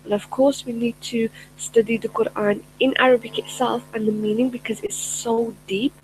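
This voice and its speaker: Speaking to camera in a chatty, earnest way, this middle-aged woman, a personal development coach and native Urdu speaker, uses lots of fillers and restarts. Her fairly high voice has a flat delivery at normal speed. The rough recording carries a little hiss or hum.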